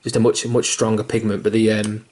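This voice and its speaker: In a fairly quick monotone, a young man with a fairly low, slightly mellow voice rambles through a casual miniature painting tutorial. Fillers, restarts and the odd curse crop up, his manner mildly self-deprecating and sweary, and he's hiccuping.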